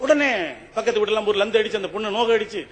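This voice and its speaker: Very high-voiced man, comic stage debater. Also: quick pace, long reverb tail. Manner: humorous, rhetorical, often addresses the judge.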